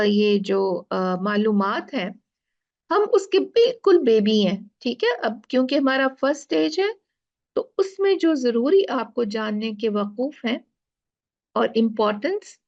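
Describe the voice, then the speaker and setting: A woman teaching Quran recitation rules, explaining slowly step by step and often checking in with her listeners. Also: on the high side, animated, darkish tone, highs cut off. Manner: slow, explaining step by step with frequent "theek hai". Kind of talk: tajweed lesson.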